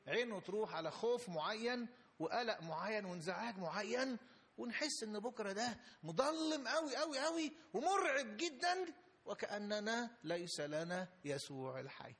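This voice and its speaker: A man preaching a sermon with an Egyptian Arabic accent, emphatic and repetitive, building to fervent peaks. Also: sits high. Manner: emphatic, repeats phrases, rising fervor.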